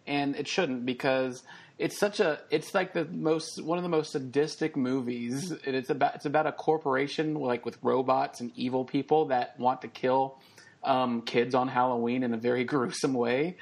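A man with a gravelly, mid-pitched voice talks eagerly on a podcast, like a collector, with plenty of filler words. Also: steady tone, normal speed. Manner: enthusiastic collector, many fillers. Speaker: podcast co-host. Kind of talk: casual chat.

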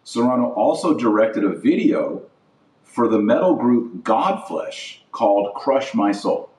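Through a slightly distant mic in an echoey room, a podcast host offers impassioned religious commentary, repeating himself for emphasis and posing rhetorical questions. His medium-pitched, darkish voice has lively intonation and a slightly slow pace.

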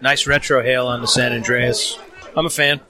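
A man co-hosting a casual podcast in a cigar lounge, playful and quick to laugh. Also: medium pitch, steady tone, sharp tone. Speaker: podcast co-host. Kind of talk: casual chat.

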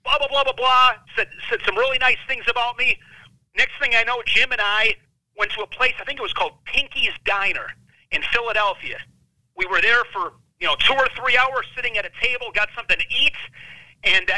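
A high-strung man in his thirties with a high, very bright voice tells his story as a podcast guest. He talks intensely and animatedly, recorded dry and close. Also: dry recording, poor audio. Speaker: wrestling analyst, guest.

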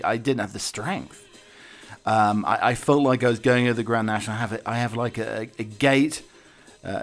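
Speaking in a mid-range voice, this male podcast host rambles through a wry, casual monologue. He's self-deprecating and mock-dramatic, frequently tripping over and repeating words.

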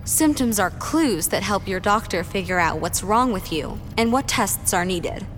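A woman playing a confident, helpful medical superhero, giving clear instructive narration in an educational cartoon. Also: medium pitch, lively intonation, a little slow, faint music behind, close to an everyday voice.

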